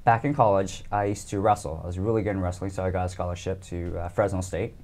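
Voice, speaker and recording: He's a man in his thirties from the US, a guest in a casual interview, and he talks at a quick pace with a low pitch. Easygoing throughout, he fills pauses with ums and laughs easily.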